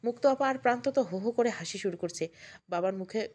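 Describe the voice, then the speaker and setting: A woman storyteller narrating an emotional family story in a steady voice. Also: mid-range voice, fast talker.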